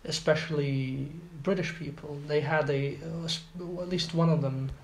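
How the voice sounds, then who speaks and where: A man's voice: on the high side, fairly even intonation, normal speed, gravelly. A man in his twenties from Iraq, talking as an interview guest, hesitant with many fillers and restarts. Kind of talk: casual interview. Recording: roomy echo, faint background noise.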